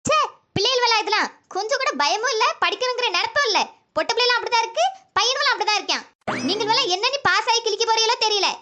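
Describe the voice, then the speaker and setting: A woman's voice: very high-pitched, animated, fast talker, bright, forceful tone, a little hiss or hum, exaggerated voice. A woman voicing a stern, scolding female village teacher in a comedy cartoon, nagging in exasperation with a southern Tamil Nadu accent. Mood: exasperated. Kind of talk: comedy skit voice acting.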